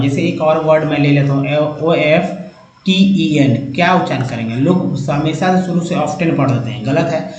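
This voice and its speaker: A man teaching English reading in a spoken lesson, spelling out letters and sounding out word parts slowly, calling his viewers friends. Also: fairly high pitch, darkish tone. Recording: echoey room, dull lo-fi sound.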